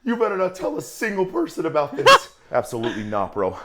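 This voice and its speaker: A man's voice: a little high, wildly swooping pitch, a little fast, heavy background noise. An actor playing an easygoing young male firefighter paramedic in a comedy skit, laid-back and reassuring, calling people man and bro.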